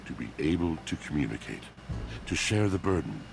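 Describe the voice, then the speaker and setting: A man's voice: sing-song, moderate pace, gravelly, exaggerated voice. A man voicing a brooding, melancholy washing machine in a dating sim game, with a villainous voice and a grandiloquent, poetic monologue delivery. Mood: anguished, poetic. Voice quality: deep, villainous voice. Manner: theatrical, grandiloquent dramatic monologue.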